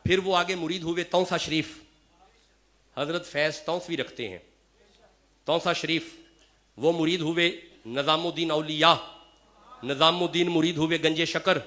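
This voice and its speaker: A man preaching an impassioned sermon at a mosque gathering, moving between hushed storytelling and loud declaiming. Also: a little high, fairly even intonation, long pauses.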